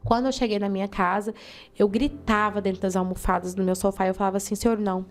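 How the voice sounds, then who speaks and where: Uma jovem missionária com sotaque brasileiro dá seu testemunho pessoal com emoção, contando cenas vivas e imitando as falas das pessoas. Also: female voice, mid-range voice, level tone, fast talker. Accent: Brazilian. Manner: fervent, vivid storytelling with acted-out quotes. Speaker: missionary giving testimony. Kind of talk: emotional personal testimony in an interview.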